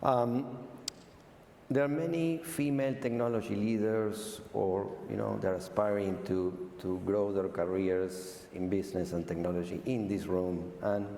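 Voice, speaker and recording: A man's voice: on the low side, steady tone, measured pace, vocal fry, dark tone, slight background noise. A man hosting an onstage interview, talking in a playful, teasing way. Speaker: conference host and interviewer. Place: large hall at a live event. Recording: echoey hall with crowd.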